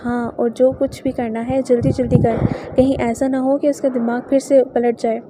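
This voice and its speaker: A woman's voice: a little high, level tone, heavy background noise, natural voice. A woman reading an old village father. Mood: eager. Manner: fatherly, persuasive, homespun. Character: elderly village father, gentle but firm.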